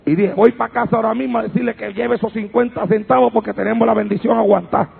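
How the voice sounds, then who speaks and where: A man preaching a fervent sermon, telling a testimony and shouting praise, recorded on an old tape. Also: high-pitched, fairly even intonation, fast talker, gravelly, breathy edge, phone-quality sound. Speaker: pastor.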